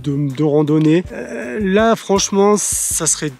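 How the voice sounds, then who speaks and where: Guy with a highish voice chatting casually outside on a windy mountain, giving hiking tips, bit of music behind. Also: expressive, measured pace, gravelly, darkish tone. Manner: informal, advising. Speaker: hiking vlogger. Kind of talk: casual chat to viewers. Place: outdoors on a windy mountain summit.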